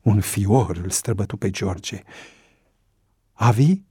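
A male narrator reading a novel aloud with measured, unhurried delivery. His voice is low, gravelly and mellow. The recording is dry and close. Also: no room sound. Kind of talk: audiobook narration.

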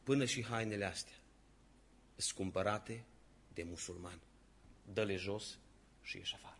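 A man's voice: on the low side, fairly bright tone, a little hiss or hum, voice pushed down, natural voice. A male preacher voicing a cruel father who coldly turns away his daughter in a sermon story. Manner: cold, harsh.

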